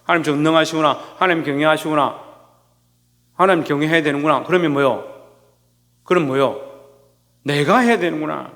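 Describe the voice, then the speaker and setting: Speaking in a fairly high, bright voice at a moderate pace with long pauses, this pastor preaches to his congregation amid big-room sound in the church sanctuary. He keeps raising and answering his own questions, and his voice climbs as he acts out scolding quotes.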